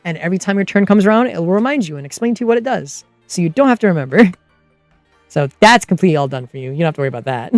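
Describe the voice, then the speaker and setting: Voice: mid-range voice, lively intonation, rapid-fire, no room sound, soft background music. A streamer and game master of unclear sex chatting casually and explaining tabletop game rules in a rambling way.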